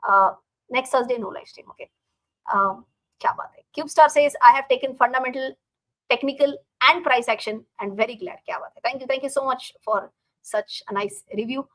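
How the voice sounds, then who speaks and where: Casting: woman, Indian accent, somewhat high voice, casual live-stream host and teacher who talks straight to her viewers. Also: brisk, a bit bright, dry recording, rough recording. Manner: repeats phrases, addresses viewers directly.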